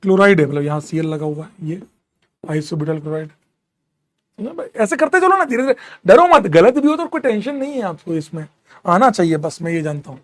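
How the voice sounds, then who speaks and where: A man with a fairly high voice teaches a chemistry lesson in a relaxed, friendly way. He reassures the students, repeats steps, counts out carbons and keeps telling them there is nothing to worry about. The delivery is that of a chatty classroom teacher. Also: fast talker. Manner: casual, encouraging, calls students bro. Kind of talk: classroom lecture.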